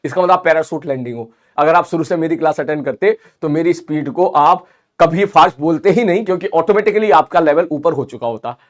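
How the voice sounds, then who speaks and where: A high-voiced man with an Indian accent teaches physics in a live online class. He talks quickly and energetically, chatty and encouraging as he reads out messages from students.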